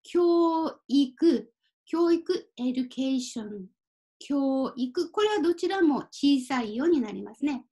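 A woman teaching a Japanese kanji reading lesson, speaking slowly and carefully, mixing in simple English explanations. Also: high voice, animated, warm tone. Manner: apologizes and laughs at her own typo.

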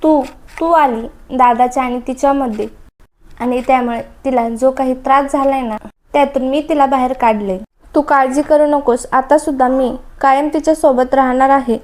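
A woman's voice: high-pitched, steady tone, normal speed, a little mellow, natural voice. Woman reading as a polite young wife. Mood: soothing. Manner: polite, soothing. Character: calm young wife keeping family peace.

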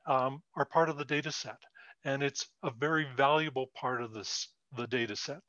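Bright-voiced guest, dry dull call sound. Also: male voice, mid-range voice, no room sound. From Canada. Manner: plainspoken, measured, explaining. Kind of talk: casual interview.

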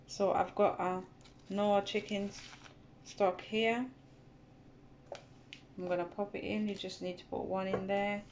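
Her delivery is flat and unhurried, with frequent pauses, in a medium-pitched, slightly mellow voice. She hosts a cooking channel from her home kitchen, working at a gas stove, chatting and going over her steps again for the "guys" watching. The audio is dull lo-fi phone sound with background noise.

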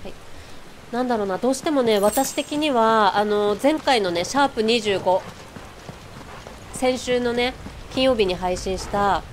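A woman streaming a game live, shouting excitedly during fights and chatting apologetically to viewers in between. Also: a little high, moderate pace, slight background noise. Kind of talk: live let's-play chat.

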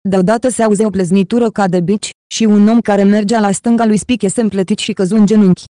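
An audiobook narrator reading a novel in a steady, even manner. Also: medium pitch, dry recording, clean studio sound. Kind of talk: scripted narration.

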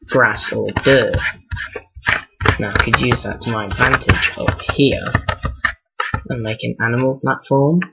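Brief: woman, very deep gravelly voice, casual sweary gaming commentary over loud hiss. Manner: rambling self-talk, swears a lot, mock-boastful. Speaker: gaming channel host. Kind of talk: Let's Play gaming commentary. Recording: loud background noise.

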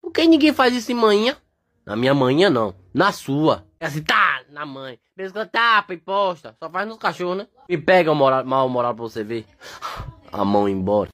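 A man voicing a brash, teasing male dog in a comic dub of animal videos, rowdy and quick to laugh. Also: a little high, sing-song, fairly bright tone. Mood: cocky teasing. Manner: swings between mock threats and joking.

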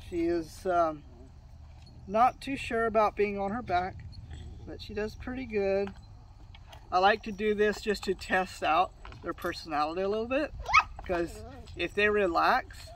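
A hoarse man, a dog breeder, presenting puppies in a fond, rambling way with many fillers and restarts. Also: high voice, fairly bright tone, recorded from a distance, a little hiss or hum. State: hoarse from sinus trouble. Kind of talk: casual on-camera puppy showcase.

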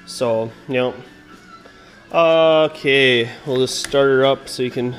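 A man from Minnesota talks slowly and easily through his machine's upgrades, filling his pauses with "uh" and "um." He films it on a head-mounted action camera in an indoor garage workshop. Faint music plays behind him. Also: medium pitch. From Minnesota, USA. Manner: relaxed and unhurried, many "uh" and "um" fillers. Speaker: snowmobile vlogger. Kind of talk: casual walkthrough of his sled upgrades.

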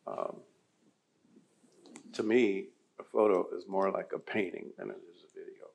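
A man's voice: low voice, fairly even intonation, a little slow, creaky. A man, an artist on a panel, talking casually with playful banter.

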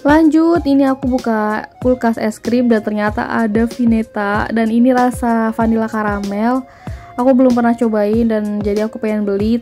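A woman's voice: a little high, a little mellow. A woman, chatting through a grocery haul voice-over and listing prices. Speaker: vlogger.

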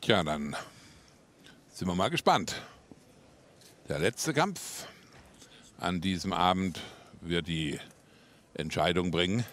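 A man giving live boxing commentary for television in measured short phrases with pauses between them. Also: deep voice. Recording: loud arena crowd and noise. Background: crowd and arena noise.

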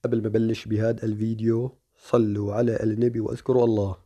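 This casual screen-recorded phone tutorial has a fast-talking man explaining each step in a chatty way, leaning on fillers. His pitch is fairly low and his tone dark and level, with a breathy edge.

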